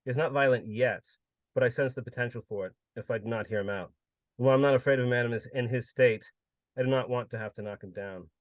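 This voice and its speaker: A man giving a measured, solemn reading of his own literary prose. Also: medium pitch, no echo. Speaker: contributor reading his story.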